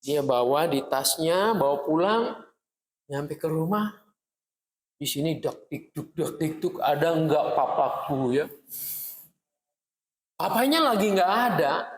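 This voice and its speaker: A man giving a devotional, telling a story lively and acting out the dialogue of the characters. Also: a little high, a little slow, pauses often. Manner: animated storyteller, acts out dialogue. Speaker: preacher. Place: church hall. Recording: echoey hall, long reverb.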